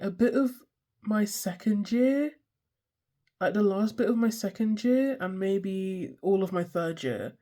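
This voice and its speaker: A slight hiss or hum accompanies a mellow, congested mid-range voice from an art vlogger in their twenties. They ramble casually through a sketchbook, cursing freely, self-deprecating, and losing track mid-sentence.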